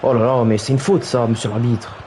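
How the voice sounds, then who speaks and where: A man's voice: brisk, slight background noise. Young French-speaking man doing mock football commentary. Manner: low calm play-by-play that rises to high shouted goal calls. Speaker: streamer commentating his own football video game match.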